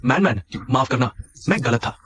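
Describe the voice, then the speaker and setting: A man's voice: mid-range voice, animated, normal speed, fairly bright tone, a little hiss or hum, close to an everyday voice. An actor playing a threatening male thug in a dubbed short drama, taunting and cruel. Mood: pleading. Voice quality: menacing, taunting. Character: threatening male thug, ex-lover turned hired killer.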